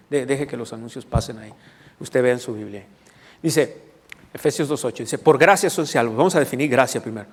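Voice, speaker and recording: A man preaches a teaching sermon at a middle pitch. He explains verses point by point and keeps checking that the congregation follows. His voice rings with the long reverb of a church hall. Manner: teaching, asks the congregation questions. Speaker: pastor.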